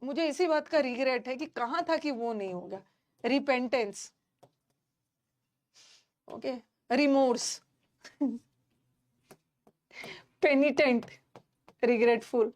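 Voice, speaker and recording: A young Indian woman with a high voice teaches an online class. She talks in a chatty, emphatic way and keeps dropping fillers between points. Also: slow pace, pauses often, a little mellow. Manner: chatty, emphatic, many fillers like "theek hai". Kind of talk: casual classroom talk to students.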